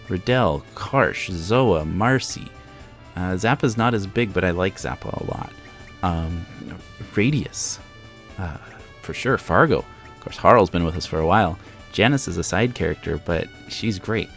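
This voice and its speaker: A man with a deep voice and plenty of vocal fry chats casually as he hosts a let's play. Soft game music runs behind his commentary.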